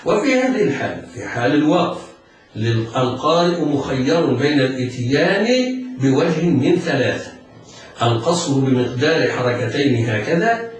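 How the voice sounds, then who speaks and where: A man teaching Quran recitation rules, explaining each sound step by step and chanting the examples slowly. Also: medium pitch, expressive. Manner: patient step-by-step explaining, drawn-out chanted demonstrations. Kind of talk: tajweed lesson with recited examples. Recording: very echoey, distant mic, faint music.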